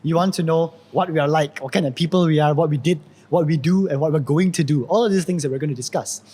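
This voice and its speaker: Husky young man hosting a podcast. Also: on the high side, quick pace. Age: young adult. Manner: relaxed, talkative, many fillers. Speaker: podcast host. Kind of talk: casual podcast chat.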